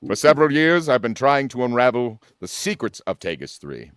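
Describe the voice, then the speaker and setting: A man's voice: mid-range voice, big pitch swings, normal speed, fairly bright tone, smooth, no room sound, studio quality, pitched above the performer's own voice. A man in an amateur live script read playing a dignified, easily irritated male starship captain in a formal, firm manner. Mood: formal oratory.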